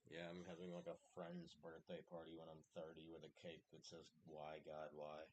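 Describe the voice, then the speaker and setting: Low-voiced young man chatting casually. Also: monotone, fairly quick, a little mellow, a little hiss or hum. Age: 20s. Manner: casual, rambling, swears freely. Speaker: gaming streamer. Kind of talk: casual gameplay chat.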